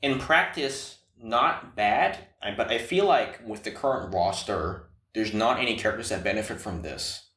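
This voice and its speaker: A man co-hosting a casual chat about game design, talking in an animated, rambling way. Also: moderate pace, echoey room. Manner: animated, rambling, bouncy pitch. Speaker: podcast co-host.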